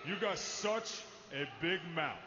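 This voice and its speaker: A swaggering wrestler with a drawling accent. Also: male voice, high voice, animated, slow pace. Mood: taunting. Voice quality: drawling put-on Spanish accent, taunting. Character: cocky male wrestler, swaggering and taunting. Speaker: wrestler cutting a promo. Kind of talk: archival wrestling broadcast promo. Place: wrestling arena. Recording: dull lo-fi broadcast audio with loud arena crowd.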